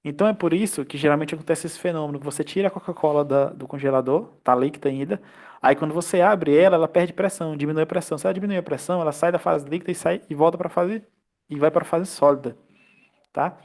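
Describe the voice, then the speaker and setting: A man's voice: fairly high pitch, fast talker, a little mellow. Brazilian man teaching chemistry online. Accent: Brazilian Portuguese. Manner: explanatory, asks rhetorical questions, adds checks like "tá?" and "né?". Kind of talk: online class lecture. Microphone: computer mic on a video call.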